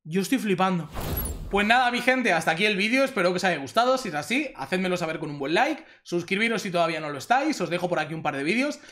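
A young man from Spain with a Spanish accent, doing excited pack opening commentary for his gaming channel, repeating himself and exclaiming at good pulls. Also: high voice, quick pace. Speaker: gaming youtuber.

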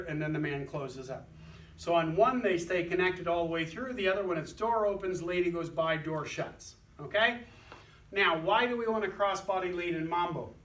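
High-voiced dance teacher in an echoey room. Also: male voice, fairly bright tone, far from the mic. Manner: counts steps aloud rhythmically. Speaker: dance instructor. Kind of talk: dance lesson instruction.

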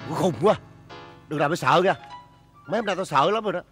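A man's voice: a little high, fast talker, a bit bright. A man playing out a comedy sketch, wailing and lamenting in an overdone way. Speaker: comic actor. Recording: music playing behind the voice.

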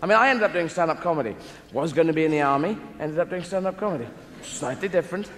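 Speaking fast with lively intonation, a stand-up comedian in his thirties rambles playfully across a large theatre stage and acts out voices. His tone is high and fairly bright, and the echoey live recording has slight background noise and audience laughter.

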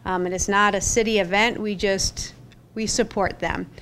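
At a public board meeting in a council chamber, a middle-aged woman from the parks staff gives an upbeat, chatty update into a podium gooseneck mic, using many fillers. Her voice is medium-pitched, steady and a bit bright, at a moderate pace, with a little hiss or hum.

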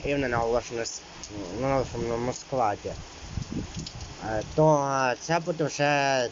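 A man's voice: medium pitch, highs cut off, background noise. Man explaining exam rules, filler-heavy. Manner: reads rules then explains loosely with many fillers. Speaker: teacher. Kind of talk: exam-prep lesson.

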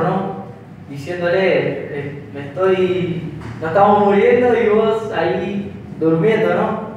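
A man's voice: high-pitched, muffled recording, slight background noise. A young man with a Paraguayan Spanish accent preaching a sermon in a small church hall, speaking into a handheld mic at a pulpit and often restarting his phrases as he explains. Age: young adult. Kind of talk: sermon with prayer. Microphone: handheld mic at a pulpit, filmed from far. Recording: very echoey hall from far off.

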